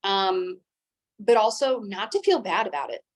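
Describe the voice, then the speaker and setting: A young woman in her twenties, a teacher, speaking as an interview guest in a calm, even, measured tone. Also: mid-range voice. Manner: calm, even-toned speech. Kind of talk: interview conversation.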